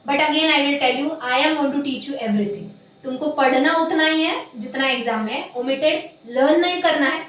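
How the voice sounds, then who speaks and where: Woman teacher, high voice, slow and deliberate, drilling students, very echoey room far from mic. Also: dull audio. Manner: slow, deliberate stressing of key terms, quizzing students. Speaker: biology teacher. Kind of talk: classroom lecture mixing Hindi and English.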